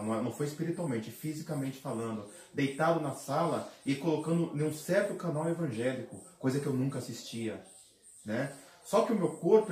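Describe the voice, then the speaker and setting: A pastor with a fairly high, somewhat dark voice gives an emotional testimony of faith, dramatically re-enacting his own cries and heartbeat. The distant mic makes the sound roomy.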